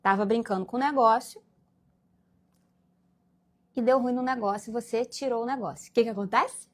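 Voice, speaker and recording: Woman from brazil giving a spiritual talk, high voice, acts out little bits in other voices. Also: moderate pace. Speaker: guest speaker at a Spiritist meeting. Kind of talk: spiritual lecture.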